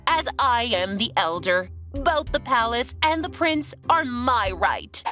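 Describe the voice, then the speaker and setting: A woman's voice: fairly high pitch, very animated, takes it slowly, sharp tone, soft background music, full character voice. A woman voicing a greedy, jealous elder sister in a children's fairy tale, speaking in a scheming, self-satisfied way. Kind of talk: storybook voice acting.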